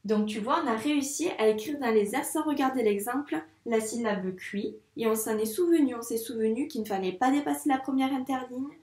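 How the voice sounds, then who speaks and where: A woman's voice: a little high, darkish tone, reverberant. A young woman teaching handwriting to young children, patiently asking questions and answering them herself. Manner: patient, questions and answers her own prompts. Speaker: primary school teacher.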